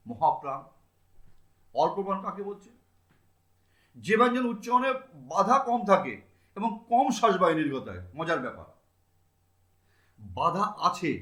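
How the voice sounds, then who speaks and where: A man's voice: a little high, bright, forceful tone, roomy sound. A male teacher giving a grammar lesson, sounding out consonants one by one, asking his students questions and answering them himself.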